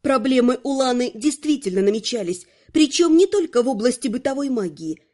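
High-voiced woman narrating an audiobook. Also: expressive, a little fast, a little mellow.

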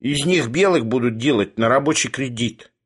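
A man voicing a coarse, cocky young male upstart with crude, brash speech, in a husky voice. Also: medium pitch, normal speed, lightly acted. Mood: meek. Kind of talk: audiobook character voice.

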